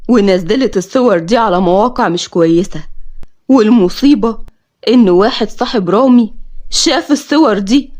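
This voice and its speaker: A woman's voice: fairly high pitch, darkish tone, voice pushed down. Woman doing a solemn Egyptian father. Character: grave middle-aged father revealing betrayal. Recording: dull lo-fi audio.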